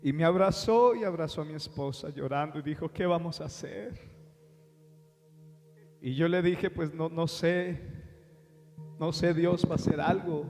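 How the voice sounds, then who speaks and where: A man with a Colombian accent, preaching a sermon with impassioned swings between slow, quiet lines and loud bursts. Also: on the high side. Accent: Colombian Spanish. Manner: impassioned preaching, dramatic slowdowns, sudden rises in volume. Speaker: pastor. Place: large church sanctuary. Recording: long hall reverb with faint music.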